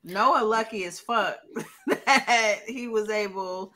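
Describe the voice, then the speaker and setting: A woman's voice: medium pitch, slow pace, over a noisy crowd. A woman co-hosting a casual podcast, blunt and profane as she lays out her points. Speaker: podcast co-host.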